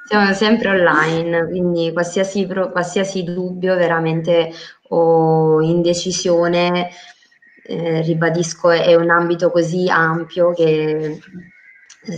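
Woman guest on a live chat, low and even delivery, hesitant fillers. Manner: hesitant, many fillers and restarts. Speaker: interior design guest.

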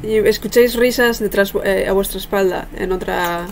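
Young female game master, mid-pitched, improvising narration haltingly on a slightly noisy video call. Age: young adult. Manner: halting, thinking aloud. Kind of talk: casual improvised tabletop narration. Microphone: webcam video call.

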